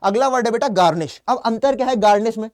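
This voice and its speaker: A young man teaches an online English vocabulary class in a chatty Hindi-accented voice that sits high. He keeps asking his own questions and answering them, and calls his students "beta". The sound is dry and close. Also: quick pace, darkish tone, dry recording. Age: young adult. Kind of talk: online exam-prep class.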